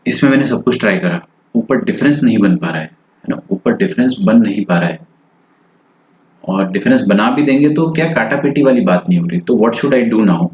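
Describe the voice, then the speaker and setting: A man teaching maths in a live online lecture, working problems out loud in Hindi-English and checking in with students with frequent tag questions. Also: on the low side, expressive, moderate pace, slight background noise, low-quality recording. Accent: Indian. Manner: thinks aloud while solving, mixes in English phrases.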